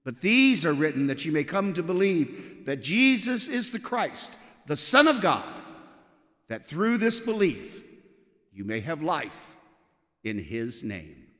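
A man speaking as a priest, reading and preaching in a measured, expressive liturgical manner in an echoing church. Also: fairly high pitch. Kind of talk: solemn scripture reading and homily. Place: large church interior, at a lectern. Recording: cathedral-like echo, long church reverb.

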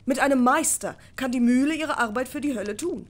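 Woman voicing a young male apprentice, determined, earnest, raised pitch, audiobook. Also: fairly quick, lightly acted. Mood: urgent. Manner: earnest, urgent, persuasive. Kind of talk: audiobook character voice.

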